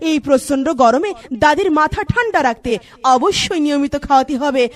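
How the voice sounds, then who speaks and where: A woman's voice: high-pitched, lively intonation, fairly quick. A woman with a Bangladeshi accent playing a scolding, knowing grandchild in a comic advertisement skit. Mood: scolding, insistent.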